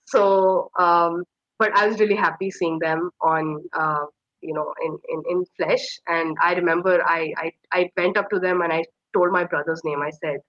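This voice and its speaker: A woman's voice: on the low side, fairly even intonation, moderate pace, a bit bright, no echo. A young woman from Kashmir, a guest in an interview, telling a personal story in a hesitant, reflective way with many fillers. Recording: slightly muffled dry recording.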